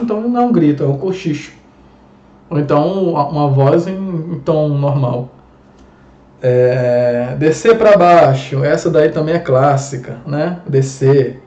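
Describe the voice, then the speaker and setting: Brazilian male teacher, higher voice, lively and chatty, echoey room, dull lo-fi audio. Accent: Brazilian Portuguese. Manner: lively, chatty, frequent rhetorical questions. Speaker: Portuguese teacher. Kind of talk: online grammar lesson.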